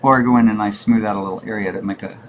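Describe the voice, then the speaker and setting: A man chatting casually and a little haltingly while drawing on a livestream. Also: a little hiss or hum. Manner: relaxed, low-key, trails off mid-sentence. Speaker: artist and co-host.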